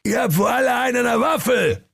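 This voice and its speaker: A high bellowing greedy king. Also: big pitch swings, moderate pace, gravelly, slightly rough, exaggerated voice. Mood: raging. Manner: shouting, bellowing demands. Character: gluttonous bossy old fairy-tale king.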